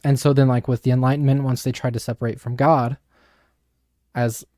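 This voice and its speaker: A man's voice: mid-range voice, level tone, fairly quick, darkish tone, dry recording, studio quality. A young man co-hosting a podcast, explaining ideas from a book in a thoughtful, casual way. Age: young adult. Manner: thoughtful, explanatory, with frequent fillers. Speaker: podcast co-host.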